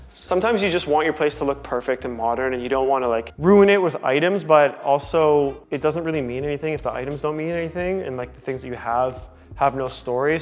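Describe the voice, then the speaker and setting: A young man, casually talking through a tour of his loft apartment in a relaxed way, with lots of filler words. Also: on the high side. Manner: chatty, relaxed, full of "like" and "um" fillers. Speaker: vlogger giving a home tour. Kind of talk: casual home tour talk. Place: large loft apartment indoors.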